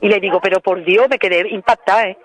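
An Andalusian woman calling into a radio show as an eyewitness, telling her story in an excited, repetitive rush. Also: medium pitch, quick pace, no room sound, rough recording. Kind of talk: phone interview on radio.

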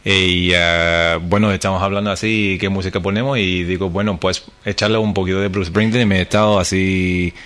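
A man's voice: low-pitched, little pitch movement, brisk, hardly any pauses, fairly bright tone. A man from New Jersey with an American English accent, a radio guest who talks in hesitant second-language Spanish full of fillers. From New Jersey, United States.

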